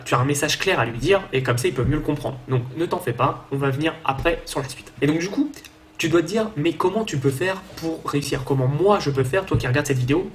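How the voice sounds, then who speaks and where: A young man from France talks quickly in a fairly high voice, pitching his online business program in a casual, chatty way. He speaks straight to the viewer and pokes fun at himself now and then. Faint ambient noise sits under the recording. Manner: fast, chatty and self-mocking, addressing the viewer directly. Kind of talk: casual sales pitch to camera.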